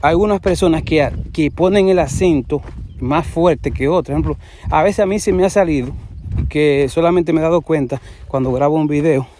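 A Dominican man with a soft Cibao accent talks off the cuff about faith, drifting from point to point and often restarting his sentences. His voice sits a little high for a man yet sounds mellow and dark in tone, with a faint hiss of noise behind it. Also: moderate pace. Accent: Dominican, Cibao region. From Dominican Republic. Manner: rambling, jumps between points, frequent restarts. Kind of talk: unscripted religious commentary to camera.

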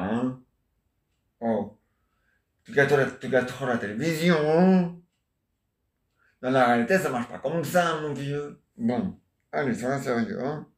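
With a mid-range, slightly bright voice, an amateur solo stage performer rambles through an improvised comic monologue. He is chatty, replies to imagined listeners, and tags on questions, repeating "hein?" and "ah ouais" constantly; the recording is echoey.

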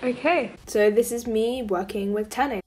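A woman's voice: fairly high pitch, a little slow, darkish tone. A young woman, a university student, narrating her week in a casual vlog, chatty and full of fillers. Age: young adult.

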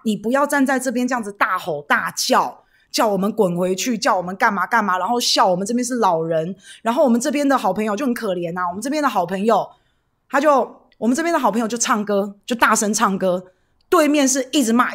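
A woman's voice: medium pitch, fast, fairly bright tone. A woman from Taiwan hosting a casual political livestream, rambling with fillers and tag questions and greeting viewers by name. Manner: chatty, greets viewers by name, reads donations.

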